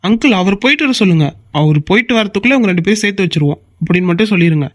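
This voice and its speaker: A performer voicing a young man, a bossy but reassuring elder brother in a cartoon, speaking quickly and confidently. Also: mid-range voice, lively intonation, no echo, studio quality, natural voice. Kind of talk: cartoon voice acting.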